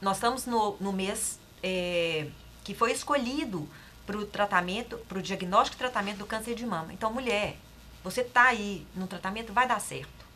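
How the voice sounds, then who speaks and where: A woman's voice: mid-range voice, moderate pace, bright, forceful tone, a little hiss or hum. A middle-aged woman with a Brazilian accent, speaking as a talk-show guest in an emphatic, encouraging way and often repeating phrases. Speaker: guest sharing a breast cancer experience. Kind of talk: casual talk-show conversation.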